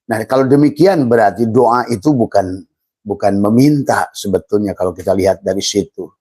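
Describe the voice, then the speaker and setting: This middle-aged man teaches Islamic mysticism in an informal lecture, his lowish voice warm with a breathy edge and no echo. His delivery is slow and halting, packed with fillers and repetitions; he addresses the audience as friends and speaks of himself in the third person.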